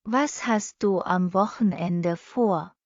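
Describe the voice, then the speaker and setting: A woman reading short practice sentences for a language lesson, saying each one twice, slowly and evenly. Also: on the low side, darkish tone, no room sound. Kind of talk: slow repeated phrase reading for learners. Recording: dull lo-fi dry recording.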